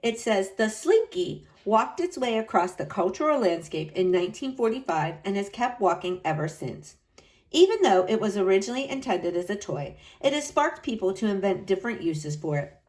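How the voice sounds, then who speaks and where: Reading to kids from a picture book, a woman speaks slowly and dramatically. She's very expressive, her pitch rising and falling widely as she stresses the words.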